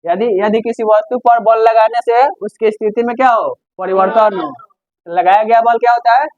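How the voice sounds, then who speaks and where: High-voiced male teacher, tinny sound. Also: steady tone, normal speed. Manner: asks questions then answers them himself. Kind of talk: classroom physics lesson. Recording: tinny narrow-band dry sound.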